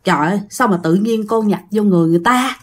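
A woman playing an older village man who coaxes a ghost, in a soothing, pleading, lowered voice. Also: quick pace, natural voice. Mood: coaxing. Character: calm older male village spirit-chaser.

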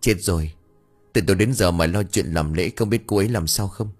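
A worried young husband pleads and calls out in an audio story, voiced by a male narrator. His husky voice rises higher than the narration and carries anxious urgency. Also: fairly quick, soft background music. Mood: anxious pleading.

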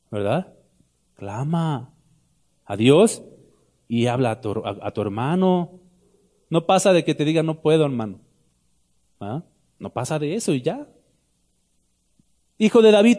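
Pastor, man, somewhat high-pitched, lively sermon delivery full of questions to the flock. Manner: animated preaching, asks the congregation questions, shouts the blind man's cry high.

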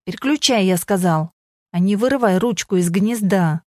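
A woman voicing a gruff man who shouts and swears while teaching someone to drive, in an audiobook. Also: lowish voice, normal speed, no room sound, clean studio sound, close to an everyday voice. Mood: exasperated shouting.

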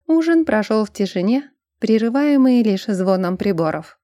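A woman's voice: medium pitch, animated, normal speed, mellow, no room sound. Woman narrating a fantasy audiobook.

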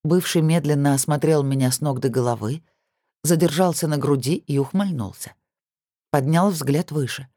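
An audiobook reader giving steady, even first-person novel narration. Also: mid-range voice, moderate pace, dry recording, clean studio sound.

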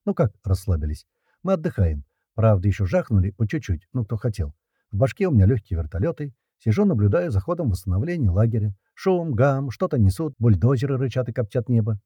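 A man's voice: mid-range voice, very animated, brisk, husky, no echo, lo-fi sound. A man narrating an audiobook in the first person, casual and slangy.

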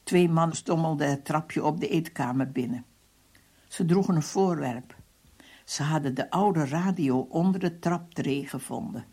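Calm, measured story reader. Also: mid-range voice, husky. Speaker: reader of a book. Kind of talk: first-person story reading on radio.

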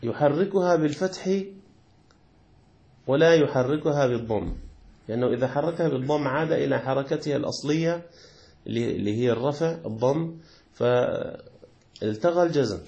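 A man teaches a classical jurisprudence lesson, his mid-pitched voice carrying a rough, gravelly edge. He explains patiently, repeating key words and posing questions that he answers himself. Now and then he slowly chants the words of the call to prayer. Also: darkish tone. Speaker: sheikh teaching Hanafi jurisprudence.

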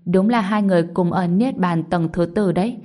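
A woman's voice: on the low side, normal speed, dark tone. Woman narrating a martial arts novel. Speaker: audiobook narrator. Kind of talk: scripted narration.

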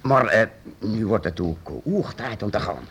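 Acting in a radio play, a man with a lowish voice plays a calm, fatherly master inventor, an old and secretive master craftsman. He speaks in a measured, reassuring way with lively intonation, over slight background noise.

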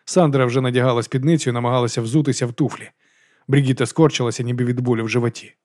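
A man reading a novel aloud as an audiobook narrator, in brisk, even storytelling. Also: mid-range voice, dry recording, studio quality.

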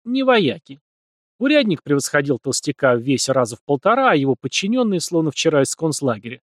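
A man narrating an audiobook with a lively, expressive reading. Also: on the high side, fast, no room sound, clean studio sound.

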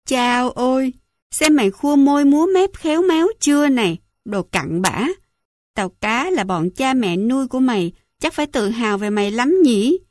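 A woman's voice: a little high, animated, moderate pace, darkish tone, no room sound, studio quality, natural voice. A woman voicing a cruel, scornful middle-aged mother who smokes and mocks her son. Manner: sneering, mocking, contemptuous.

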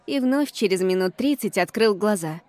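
A woman's voice: medium pitch, lively intonation, normal speed, darkish tone, no room sound. A woman reading a first-person audiobook with an ironic, exasperated tone. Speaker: audiobook reader.

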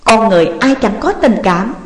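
A woman reading an audiobook voices a tearful, emotional young woman with a high, pleading delivery, in a roomy recording with long reverb. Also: lively intonation, normal speed, close to an everyday voice. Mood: angry reproach. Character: young woman, tearful and clinging, then fiery.

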